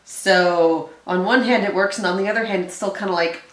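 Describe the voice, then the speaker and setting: A woman co-hosting a reaction show, chatting casually and thinking out loud with quick asides. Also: medium pitch, echoey room. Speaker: reaction channel co-host. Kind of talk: casual chat.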